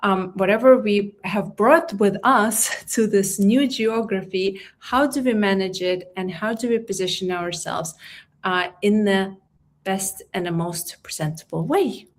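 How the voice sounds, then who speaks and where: A woman's voice: medium pitch, measured pace. A woman hosting a career talk show, introducing her guest with frequent fillers. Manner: warm welcoming intro with many fillers. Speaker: podcast host. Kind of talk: hosted interview chat.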